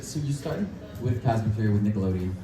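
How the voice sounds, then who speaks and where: An upbeat man moderates a convention panel, his pitch jumping all over as he hypes the crowd. He sounds distant in an echoey hall with loud noise behind him. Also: lively intonation, fast talker, over music. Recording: echoey hall from far off, noisy.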